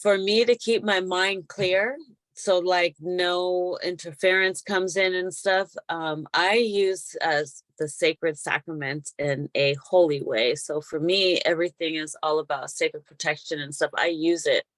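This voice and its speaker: A woman practitioner chatting casually about a spiritual session, laughing often and animated when retelling things. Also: on the low side, unhurried, no room sound. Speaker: hypnotic regression practitioner.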